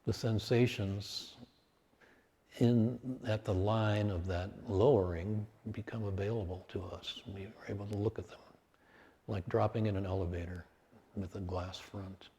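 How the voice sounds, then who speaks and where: A man with a lowish voice guides listeners through meditation, keeping his phrases short, calm and measured, with long gaps between them.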